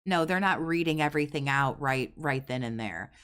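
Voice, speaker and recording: A man's voice: on the high side, animated, moderate pace, bright, forceful tone. A man with a harsh, frying voice giving casual, sarcastic and sweary live commentary in a blunt manner. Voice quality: harsh voice with vocal fry.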